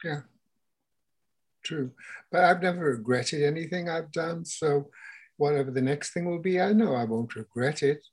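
An elderly woman in her eighties talks frankly and plainly in relaxed conversation. Her voice is husky with some breath in it. She tends to say things twice for emphasis. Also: low voice, normal speed, pauses often. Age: 80s. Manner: frank, plainspoken, repeats herself. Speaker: guest. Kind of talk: casual conversation.

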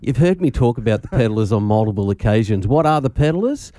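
Jokey Australian radio announcer, lively. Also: male voice, mid-range voice, fairly quick, no room sound. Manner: jokey, chatty banter. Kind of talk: casual radio interview. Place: radio studio. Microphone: studio microphone.

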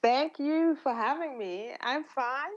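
A woman from Uganda answering interview questions in a casual, thoughtful way, with frequent ums and pauses over a remote call. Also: high-pitched, no echo, muffled recording. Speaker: podcast guest, fashion platform founder.

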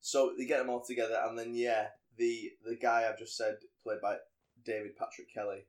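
A man chatting on a podcast, recapping a film scene by scene. He rambles and gets animated as he goes, with plenty of ums along the way. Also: mid-range voice, normal speed. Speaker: podcast co-host. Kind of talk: casual film recap chat.

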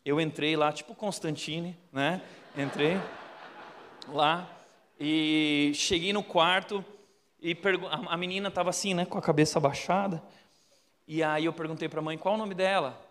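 A man preaching a sermon as a pastor, telling stories animatedly and acting out the voices, moving between loud and hushed delivery. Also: a little high, unhurried, in a large hall, a little hiss or hum. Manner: animated storyteller, acts out quotes, shifts between loud and hushed. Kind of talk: sermon with storytelling.

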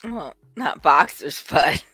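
A podcast co-host chatting casually, with measured, halting phrasing. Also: mid-range voice, lively intonation, sharp tone, slightly rough, dry recording, faint music behind.

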